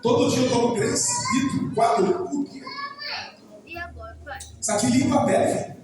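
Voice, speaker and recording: A man's voice: very high voice, big pitch swings, normal speed, a crowd in the background. A man with a Brazilian Portuguese accent preaching an informal sermon, chatty and repetitive, often speaking straight to the congregation. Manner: chatty, repetitive, keeps addressing the congregation directly. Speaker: pastor. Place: church hall. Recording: echoey hall, distant mic, noisy.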